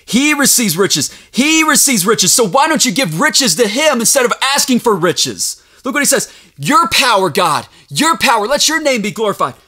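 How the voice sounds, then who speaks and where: A man preaching a fervent sermon, reading scripture aloud and rising to shouts as he rebukes his listeners. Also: extremely high pitch, very animated, normal speed.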